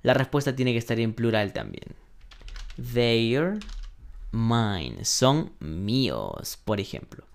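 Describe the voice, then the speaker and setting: A male English teacher gives a patient, step-by-step lesson, slowing down to pronounce each example and checking in with the class. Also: medium pitch, sing-song, vocal fry. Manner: patient, explains step by step with frequent "ujú" and "¿no?"; slows down sharply when pronouncing English examples. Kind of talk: online English lesson taught in Spanish.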